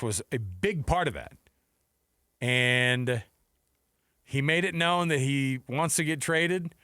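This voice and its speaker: Medium in pitch and a little bright, this American co-host of a sports radio show keeps things conversational and jokey, running through the news and performing imagined quotes. The banter is casual sports talk, recorded with studio quality and no room sound.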